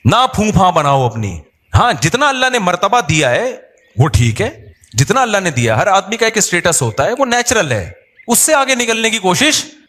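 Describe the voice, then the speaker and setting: A man's voice: high-pitched, bright, forceful tone. A middle-aged man, a religious teacher and imam, giving a conversational sermon with humour and little acted-out quotes. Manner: conversational, humorous, acts out quoted people.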